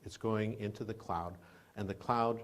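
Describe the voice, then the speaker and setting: A man with a fairly low voice speaks as a keynote presenter at a podium. He explains things step by step in a conversational tone. He often punctuates his points with brief questioning tags to keep listeners following. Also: fairly even intonation, normal speed. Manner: explanatory, frequently adding "right?" and "okay?" as check-ins. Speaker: keynote speaker, technology executive.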